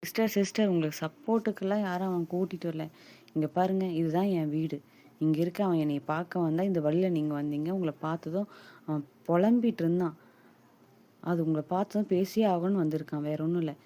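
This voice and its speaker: A woman voicing a loyal young male friend who calmly tries to make peace between a couple. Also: on the low side, fast, lightly acted. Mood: coaxing. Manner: coaxing, earnest, keeps saying sister. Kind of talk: Tamil audio drama acting.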